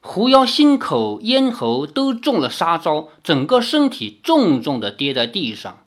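A woman narrating a martial arts novel aloud in an expressive storytelling manner. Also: deep voice, a little slow. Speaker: audiobook narrator.

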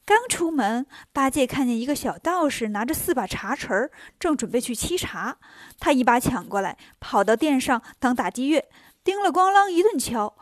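A woman narrating a children's storybook in a lively, chatty way with playful asides. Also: sits high, normal speed, no echo, studio quality.

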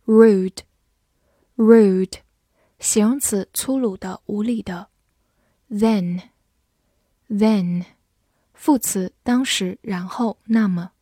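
A woman teaching English vocabulary to Chinese learners. She says each word twice, slowly, then gives its meanings. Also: medium pitch, darkish tone, husky, dry recording, clean studio sound. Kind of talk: scripted vocabulary lesson.

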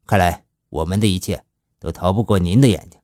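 A man's voice: sits low, a little fast, a little mellow, dry recording, clean studio sound, close to an everyday voice. A male storyteller voicing a young thief speaking respectfully to his adoptive father. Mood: deferential.

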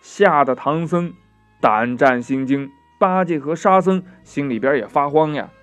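A man narrating a children's classic tale, gentle and chatty, with asides to his young listeners. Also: on the high side, a little slow, faint music behind. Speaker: storyteller.

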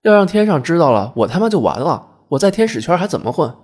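A man's voice: on the low side, expressive, a little fast, darkish tone, slightly rough. A man voicing a female angel, a heavenly secretary who talks in an impatient, exasperated way and swears.

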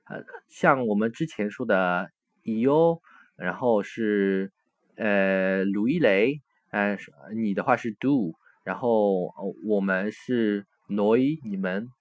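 A man walks through a recorded textbook lesson. He explains patiently, pausing on fillers and correcting himself now and then. The sound is dry and close, with little room in it. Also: fairly low pitch, dry recording. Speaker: Italian language teacher.

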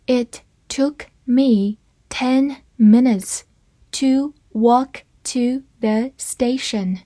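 Slow, measured woman teaching vocabulary. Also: on the high side, darkish tone, husky, no room sound. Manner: spells words letter by letter and reads slowly. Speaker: English teacher. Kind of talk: scripted vocabulary lesson.

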